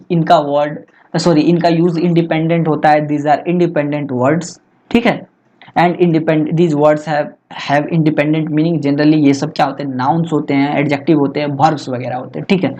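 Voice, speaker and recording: A man tutoring students in a lesson, chatty and asking rhetorical questions, slowing down to dictate English phrases. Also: fairly high pitch, steady tone, a little mellow, highs cut off. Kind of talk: Hindi-English exam lesson. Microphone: laptop recording.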